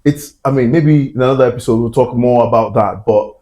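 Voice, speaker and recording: This male host of a science podcast in Glasgow talks fairly quickly in a warm, mid-range voice. The conversation is a loose, chatty interview packed with fillers and asides.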